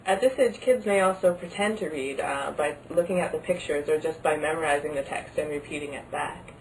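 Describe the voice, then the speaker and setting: A woman's voice: low voice, brisk. A woman giving explanatory advice to parents as an early literacy advisor. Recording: slightly distant mic, faint background noise.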